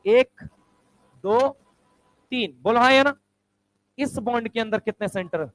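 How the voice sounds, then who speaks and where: High pitched guy teaching chem, keeps asking "bolo haan ya na" type questions n answering himself, dry sound. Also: fairly bright tone, no echo, poor audio. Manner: drills students with quick rhetorical questions; answers his own questions aloud. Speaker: chemistry teacher. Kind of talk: classroom lecture. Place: classroom.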